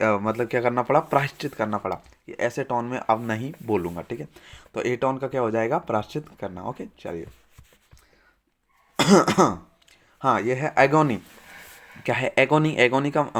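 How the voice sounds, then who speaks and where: A young man teaching English vocabulary in Hindi, repeating each word and asking the class quiz-style questions. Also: mid-range voice. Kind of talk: vocabulary lesson.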